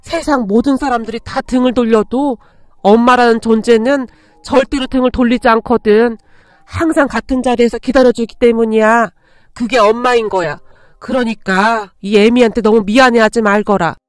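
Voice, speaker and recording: Woman voicing an older mother-in-law, firm, protective, motherly, high clear voice, dry sound. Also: steady tone, moderate pace, no room sound, natural voice. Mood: tender. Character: older mother-in-law, stern to foes, tender to daughter-in-law.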